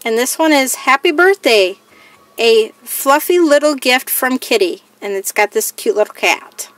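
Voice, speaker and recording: A woman's voice: high-pitched, animated, a little slow, fairly bright tone, no echo, soft background music. A woman crafting vlogger chatting casually through a haul, reading each item aloud in a plain, listing way. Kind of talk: casual haul show-and-tell.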